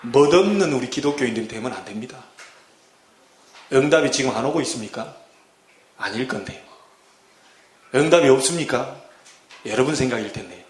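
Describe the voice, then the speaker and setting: A man's voice: medium pitch, expressive, fairly quick, long pauses. A middle-aged man preaching a sermon as pastor, acting out scenes with dramatic voices. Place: church sanctuary. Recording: echoey church hall.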